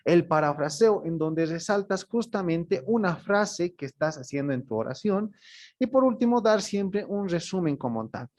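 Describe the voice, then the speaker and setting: Male instructor, slightly higher pitch, explanatory lecture delivery. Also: animated, normal speed, darkish tone. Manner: explanatory, ends phrases with tag questions. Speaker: teacher. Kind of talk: online class lecture.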